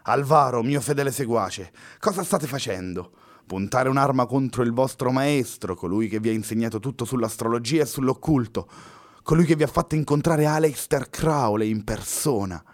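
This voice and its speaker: A man's voice: medium pitch, normal speed, pitched above the performer's own voice, close to an everyday voice. A man reading a story aloud, voicing an arrogant, cold male villain who threatens and sneers. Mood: manipulative.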